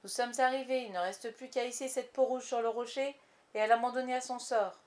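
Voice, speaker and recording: A woman voicing a rough Irish pirate sailor in a storybook reading, calling out loudly. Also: fairly high pitch, steady tone, fairly quick, pitched above the performer's own voice, lightly acted. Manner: loud calling.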